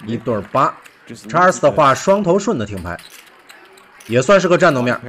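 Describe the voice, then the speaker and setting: A man giving recorded poker highlight commentary as a voice-over, animated, with rhetorical questions and exclamations.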